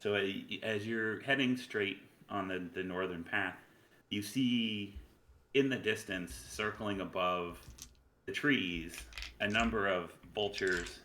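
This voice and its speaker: A man's voice: lowish voice, slow, pushed and bright, roomy sound, a little hiss or hum. A man acting as game master, casually improvising narration and questions for a tabletop role-playing game.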